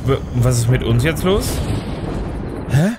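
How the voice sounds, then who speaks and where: A man's voice: mid-range voice, expressive, unhurried, heavy background noise. A man doing casual let's play commentary, often stammering and reacting in short exclamations. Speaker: let's player. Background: game music.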